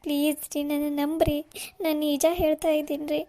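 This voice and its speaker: Woman voicing a repentant young cartoon wife, tearful pleading, high-pitched, mellow tone. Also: flat delivery, moderate pace, close to an everyday voice.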